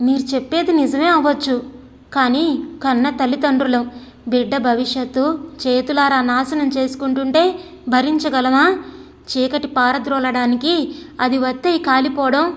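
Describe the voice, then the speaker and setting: A woman's voice: sits high, fairly even intonation, moderate pace, lightly acted. Sad worried mom, woman reading her lines, reverby room. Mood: sorrowful. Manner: sorrowful. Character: worried grieving mother.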